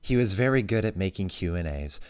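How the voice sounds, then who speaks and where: A man's voice: low-pitched, expressive, brisk, a little mellow, smooth. A man guesting on a casual podcast, teasing the others.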